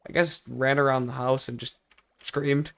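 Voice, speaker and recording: A man's voice: medium pitch, flat delivery, normal speed, gravelly. A young man telling a personal story in a casual vlog style, rambling and repeating himself with emphatic, exaggerated complaint. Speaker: video creator.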